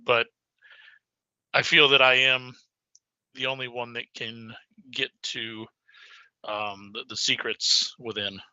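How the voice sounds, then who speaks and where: A man with a very bright, sharp voice plays a tabletop game, speaking partly in character and stumbling over restarts. The sound is dry and dull, like a lo-fi mic close up. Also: medium pitch, level tone, slow pace, pauses often, dry recording. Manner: hesitant, many fillers and restarts. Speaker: player.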